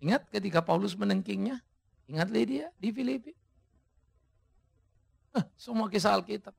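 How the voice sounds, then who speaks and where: A male pastor preaching an emphatic sermon, his voice swinging from hushed tones to shouts. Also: high-pitched, normal speed, vocal fry, husky.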